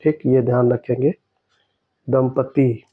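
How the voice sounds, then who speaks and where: A man tutoring for an exam, going through test answers in a steady way and repeating each key word for emphasis. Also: mid-range voice, slow pace, narrow, tinny audio.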